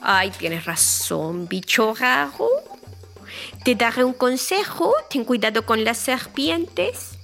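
A woman's voice: a little high, expressive, slow pace, gravelly, fairly bright tone, faint music behind, voice pushed up, exaggerated voice. A woman voicing a panicky female ostrich with her head stuck in a hole, crying out shrilly for help. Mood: embarrassed.

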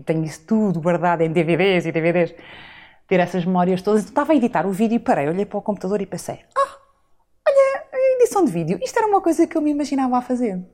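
Speaking as a podcast guest, this Azorean woman in her forties recounts her life in a relaxed interview, thoughtful and sprinkled with rhetorical asides. Her medium-pitched voice is sing-song, rapid-fire and mellow.

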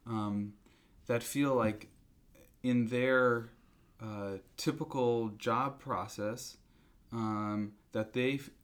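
A man speaking as a company representative in a business interview, explaining in a halting, conversational way. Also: medium pitch, steady tone.

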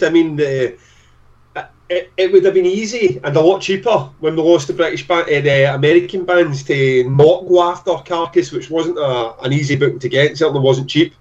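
A man with a broad, thick Scottish accent from Glasgow, chatting in an excitable way as an interview guest. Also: on the high side, recorded from a distance, lo-fi sound. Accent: broad Glaswegian Scottish. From Scotland. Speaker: podcast guest, festival promoter. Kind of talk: casual interview chat.

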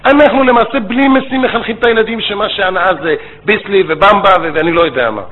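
A man who is a rabbi and educator, giving a religious lecture as animated storytelling with rabbinic phrasing. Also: sits high. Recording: tinny phone-like line with faint noise.

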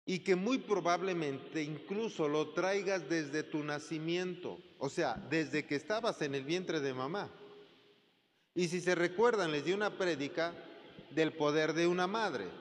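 A man delivers a sermon as pastor at a slow, measured pace. His voice sits somewhat high and carries a long reverb, as if recorded in a large hall. He asks the congregation rhetorical questions and acts out the voices of the people he quotes. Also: slight background noise.

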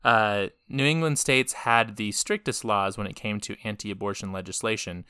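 A man's voice: lowish voice, normal speed, bright, forceful tone, smooth, dry recording, clean studio sound. A man co-hosting a podcast, talking through history in a laid-back, profanity-laced way and laughing often. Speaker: podcast co-host. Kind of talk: casual history podcast chat.

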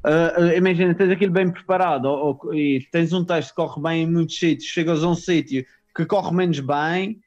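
Male, slightly high voice, slangy casual storyteller, somewhat muffled recording. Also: normal speed, hardly any pauses, a little mellow. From Madeira, Portugal. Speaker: stand-up comedian. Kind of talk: casual conversation.

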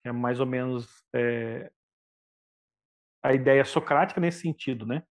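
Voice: mid-range voice, unhurried. A teacher in casual podcast chat, talking animatedly and jumping into the voices of the people he quotes.

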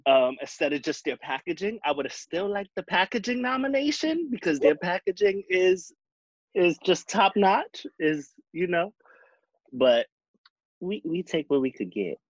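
A man who is a guest on a casual fan chat, talking in a relaxed, chatty way. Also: sits high, a little slow, dry recording. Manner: relaxed, chatty, with fillers and laughs. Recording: dry, dull lo-fi audio.

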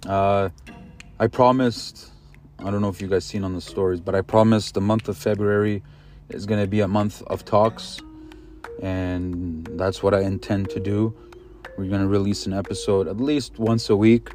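A laid-back man hosting a casual podcast, his voice sitting fairly low. He talks in easy slang and keeps saying bro. Soft music plays in the background. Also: fairly even intonation, moderate pace. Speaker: podcast host.

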